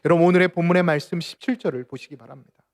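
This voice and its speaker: A man preaching a sermon as pastor of a church, with dramatic swings from loud cries to near-whispers. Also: on the high side, steady tone, racing. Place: church sanctuary.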